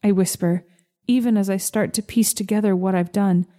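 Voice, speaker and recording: Warm, gentle woman storyteller. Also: mid-range voice, steady tone. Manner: slow, gentle, measured reading. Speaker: narrator. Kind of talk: first-person story narration.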